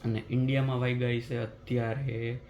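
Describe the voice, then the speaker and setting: A man, telling a story as a vlogger in a chatty, animated way, recorded in his apartment at night. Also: mid-range voice, moderate pace, dull audio, slight background noise. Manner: animated retelling of a mishap, chatty and conversational. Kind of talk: casual vlog storytelling.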